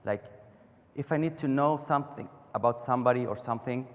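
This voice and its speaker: A man's voice: medium pitch, a little fast. Chilean man speaking in an echoing hall. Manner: non-native phrasing, frequent restarts, rhetorical "right?". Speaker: conference speaker. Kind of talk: technical conference talk. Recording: long reverb of a large hall.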